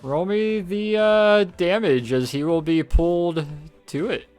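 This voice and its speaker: A man narrating as game master, animated and laughing often as he counts out rolls and moves. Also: sits high, measured pace, clear, resonant tone, faint music behind.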